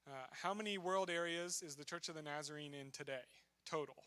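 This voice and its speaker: Missionary man, bright and slightly high voice, chatty and self-deprecating, church talk. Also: a little fast, clear, resonant tone. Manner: conversational, self-deprecating, with fillers. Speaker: missionary speaker. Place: church sanctuary.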